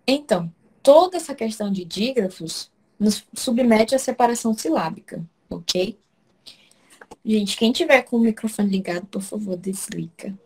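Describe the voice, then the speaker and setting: A woman's voice: mid-range voice, animated, normal speed, a little mellow, breathy edge. Woman, teacher, online lesson, step-by-step explaining, frequent check-ins with students. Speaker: Portuguese teacher. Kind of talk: online class lecture.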